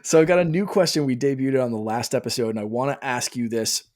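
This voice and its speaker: Man, podcast host, casual chat, laughs a lot, mid pitch. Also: expressive, quick pace, a little mellow. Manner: chatty, laughs often, acts out quoted voices.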